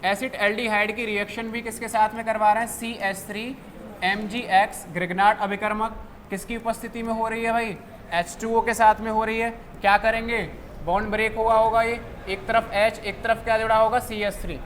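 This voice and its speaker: A young man teaching a chemistry class who keeps asking questions and answering them himself, dropping low on each answer. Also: flat delivery, a little fast, a bit bright. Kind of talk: classroom lecture. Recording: faint background noise.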